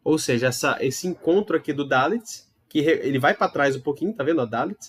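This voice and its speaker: Leading a recorded Hebrew lesson, a man with a husky, rather high voice talks briskly and expressively. He explains patiently, demonstrates sounds, and keeps checking in with students through frequent tag questions.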